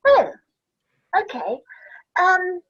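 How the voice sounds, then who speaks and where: A woman's voice: very high voice, wildly swooping pitch, very slow, fairly bright tone. Older lady from scotland rambling through stories, laughs a lot, kinda dull muffled sound. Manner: chatty, laughing, rambling anecdotes. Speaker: interview guest, actress. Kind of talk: casual chat.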